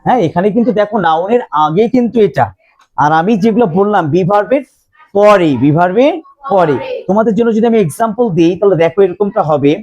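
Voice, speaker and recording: A man teaching English grammar to a classroom of students, slowly repeating questions for the class to answer. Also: high-pitched, expressive, darkish tone, lo-fi sound.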